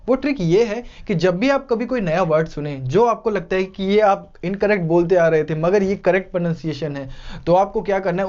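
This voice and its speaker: A man with an Indian English accent, a teacher, gives a casual video lesson in pronunciation and says each word slowly and clearly more than once. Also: high-pitched, darkish tone, highs cut off. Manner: repeats words slowly and clearly for learners.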